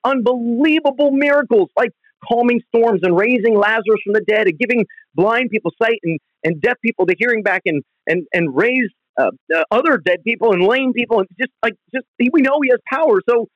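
High-voiced pastor talking over the phone. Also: male voice, no echo. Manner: earnest, conversational preaching. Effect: heard over the phone. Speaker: pastor and podcast host. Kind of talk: devotional podcast teaching. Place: at home. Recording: dull lo-fi phone recording, dry.

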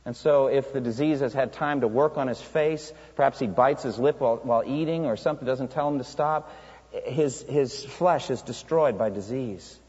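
A man's voice: medium pitch, moderate pace, a little mellow, husky. A man preaching a sermon in an earnest storytelling way, asking rhetorical questions of his congregation. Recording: dull, reverberant church hall sound.

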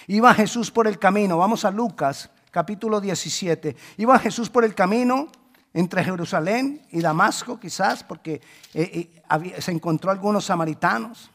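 A man preaching a sermon, moving between hushed pleading and loud emphatic calls, and acting out the voices in the stories he tells. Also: high-pitched, moderate pace. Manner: acts out quoted voices in storytelling. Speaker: pastor.

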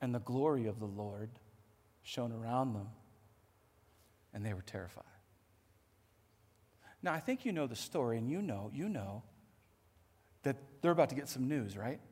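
A man preaching a sermon as pastor, animated and moving between hushed lines and emphatic ones. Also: mid-range voice, normal speed, long pauses, breathy edge. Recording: echoey hall.

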